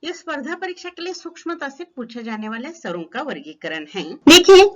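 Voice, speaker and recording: A woman teaching an online grammar lesson, speaking slowly and sounding out each vowel as an example. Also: high voice, fairly bright tone. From Maharashtra, India. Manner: slow, deliberate, models each vowel sound aloud. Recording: slightly dull lo-fi recording.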